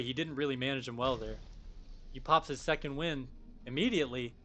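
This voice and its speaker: A young man doing live play-by-play commentary on a match, breaking into excited bursts of surprise. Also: medium pitch.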